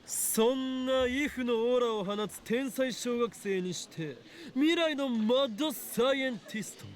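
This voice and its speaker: A male actor voices a grandiose, theatrical young man who styles himself a mad scientist in a Japanese visual novel. His delivery is pompous and dramatic, very high-pitched and brisk, full of grandiose boasting.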